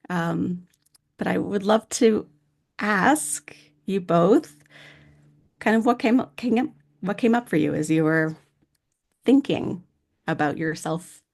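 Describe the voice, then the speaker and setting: A woman in her thirties facilitates a conference workshop, leading a guided reflection before chatting in a friendly, conversational way with fillers like "like". Her voice is medium-pitched with vocal fry.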